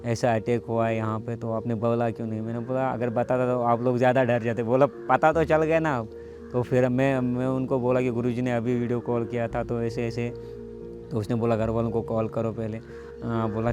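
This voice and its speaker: Young man, casual testimonial, hesitant storyteller, average pitch, clear music bed beneath. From Kashmir. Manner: conversational storytelling with hesitant fillers. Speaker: meditation teacher sharing his story. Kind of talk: personal testimonial. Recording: music playing clearly underneath.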